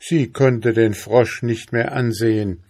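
A man reading a storybook story aloud as narrator, with expressive, unhurried narration. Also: medium pitch, slightly rough. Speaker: story reader.

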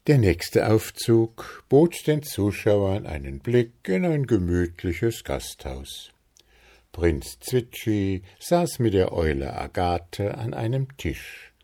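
Slow, mellow-voiced male storyteller. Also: lowish voice, very animated. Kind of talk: storybook narration.

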